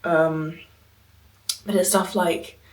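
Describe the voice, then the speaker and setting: A woman's voice: lowish voice, steady tone, extremely slow, echoey room, recorded from a distance, poor audio. Ill young woman vlogging, out of breath. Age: young adult. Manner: chatty, frustrated and determined. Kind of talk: casual vlog chat to camera. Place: indoors at a holiday home.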